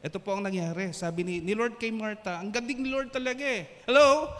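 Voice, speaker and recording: Male pastor, high bright voice, playful sermon with crowd prompts, long church-hall echo. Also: a little fast. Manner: animated, joking, prompts the congregation with "hello?". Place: church sanctuary.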